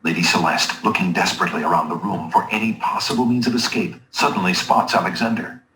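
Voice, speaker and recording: An actor giving scripted narration for a fantasy adventure game, measured, solemn and dramatic. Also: male voice, low voice, sharp tone, roomy sound, a little hiss or hum, poor audio. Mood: ominous.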